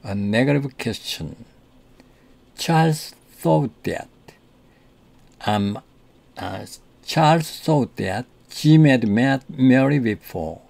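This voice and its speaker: A man with a Korean accent teaching English, explaining in Korean and reading English sentences slowly with stress. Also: mid-range voice, expressive, gravelly, darkish tone. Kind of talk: language lesson explaining English pronunciation.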